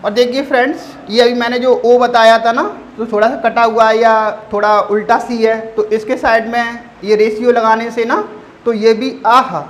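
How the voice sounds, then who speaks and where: A man's voice: very high voice, level tone, rough recording. A male teacher giving a phonetics lesson. He calls his listeners friends, stretches out his example words, and asks a question before answering it himself. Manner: drawn-out word examples. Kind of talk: phonetics lesson for exam students.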